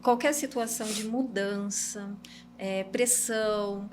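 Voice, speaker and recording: An older woman, a psychologist guest explaining things calmly in a podcast and often ending points with a questioning tag. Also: mid-range voice, takes it slowly, slight background noise. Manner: calm, advising, ends points with "não é?".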